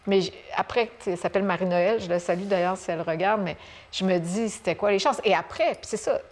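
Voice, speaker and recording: A woman from Quebec with a Québécois accent, a guest author telling stories in a relaxed chat, full of fillers and restarts. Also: medium pitch, fast. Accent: Québécois French. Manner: animated storyteller, many fillers and restarts. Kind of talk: casual conversation on a talk show.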